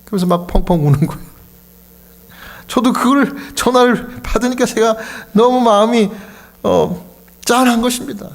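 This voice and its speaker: A middle-aged man from Korea, a pastor preaching a sermon in a church, telling a story with deep emotion. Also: moderate pace, vocal fry, pauses often. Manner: emotional storytelling, voice rising high with feeling.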